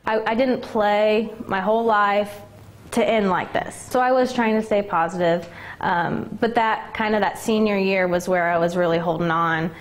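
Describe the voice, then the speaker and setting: A woman's voice: mid-range voice, steady tone, normal speed. A young woman in her twenties, a former college basketball player, speaking candidly and emotionally in an interview, with lots of "like" and "um". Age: 20s. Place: indoor gym locker room.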